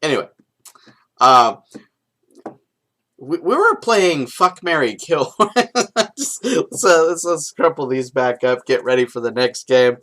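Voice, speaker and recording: A man's voice: medium pitch, lively intonation, slow. A young man talking casually to camera in a vlog, rambling with many restarts and fillers, profane and self-mocking. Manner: profane, swings from shouting rant to mumbling asides. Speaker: vlogger.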